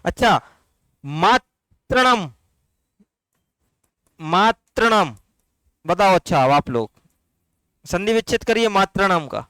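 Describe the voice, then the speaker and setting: A man teaching a Hindi grammar class, slowly drawing out and repeating words for his students, with a Rajasthani Hindi accent. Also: sits high, very animated, sharp tone, clean tone, dry recording.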